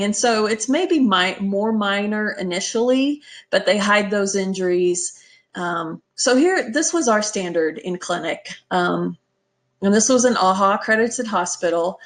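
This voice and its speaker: A woman giving a conversational lecture on veterinary emergency care, emphatic and often checking in with listeners. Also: medium pitch. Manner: emphatic, checks in with "okay?" and "right?".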